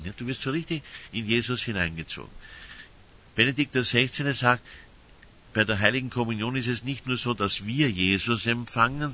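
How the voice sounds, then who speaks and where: With a bright, forceful, slightly rough voice of medium pitch, an older priest preaches in a conversational way, telling anecdotes and frequently adding tag questions. The audio is muffled and dull.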